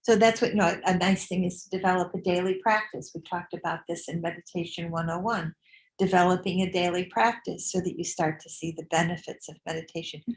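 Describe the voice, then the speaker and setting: A woman's voice: on the low side, fairly even intonation, brisk, low-quality recording. An older woman from the United States giving a chatty, informal Buddhist teaching in a meditation room, often repeating words as she thinks. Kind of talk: informal dharma talk to a group.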